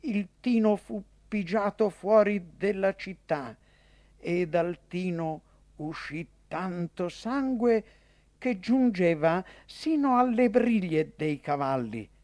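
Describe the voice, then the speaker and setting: Male reader for scripture, solemn and measured, pitched high, very slow. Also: lively intonation, darkish tone, no echo.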